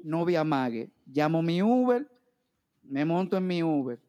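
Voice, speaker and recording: High-voiced blunt man. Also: very animated, measured pace, warm tone, clean tone, dull audio. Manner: blunt, comic, talks straight to his friends. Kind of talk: casual storytelling chat.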